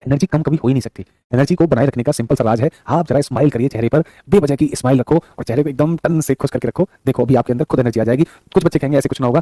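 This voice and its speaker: A mellow man's voice at medium pitch, clean with no room sound, comes from a studio mic. He's a teacher running a live online exam-prep class who repeats key points, reads the viewers' chat aloud, and warmly calls students son and brother.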